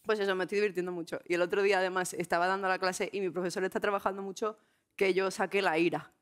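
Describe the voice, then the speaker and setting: A woman, a guest on a comedy talk show, telling animated stories with shouted impressions. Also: fairly low pitch, fast.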